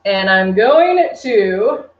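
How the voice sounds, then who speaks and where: This Texan woman draws out her words in an expressive, mid-range voice while hosting a live makeup tutorial and replying to viewers' comments. She presents for a beauty brand, and the echoey room yields dull, lo-fi stream audio.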